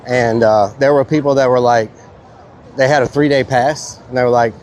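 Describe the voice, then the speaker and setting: A congested man carries a handheld camera around a bustling comic convention, talking casually and at length to the people watching his live stream. He speaks at a normal speed in a mid-range, slightly mellow voice with fairly even intonation, and there's a bit of background noise.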